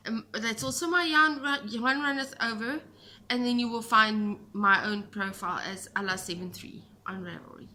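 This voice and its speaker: Filmed indoors at home by a camera a short distance away, a South African knitting podcaster whose first language is Afrikaans chats casually, rambling and self-deprecating. Her voice is medium-pitched with a sharp tone, and there's a little hiss or hum.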